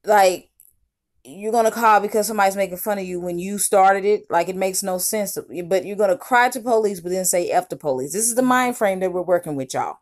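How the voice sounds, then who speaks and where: A woman's voice: mid-range voice, fairly quick. Scornful woman commentator. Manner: scornful, mocking, lecturing. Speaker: YouTube commentator. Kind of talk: reaction commentary.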